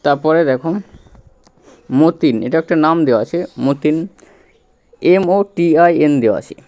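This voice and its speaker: A man's voice: on the high side, normal speed, darkish tone. A man teaching English reading step by step, spelling words letter by letter and quizzing his students as he goes. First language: Bengali. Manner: patient, repetitive, spells out letters and quizzes the viewer.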